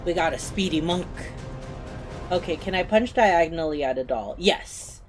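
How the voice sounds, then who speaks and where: Low-voiced woman game master. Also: lively intonation, moderate pace, soft background music. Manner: accommodating, explanatory. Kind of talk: running a tabletop game, casual.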